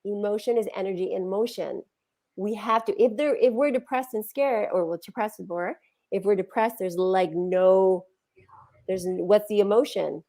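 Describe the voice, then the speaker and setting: A woman with a gravelly edge to her voice talks about healing in a relaxed, conversational way. She is animated and acts out the feelings she quotes. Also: mid-range voice, normal speed. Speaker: speaker.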